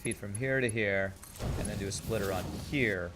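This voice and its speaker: A gaming channel host casually narrates his gameplay, thinking aloud and mumbling asides in a lowish voice at normal speed over a noisy background. Born in California and raised in Texas from age nine, he carries a slight Texas twang.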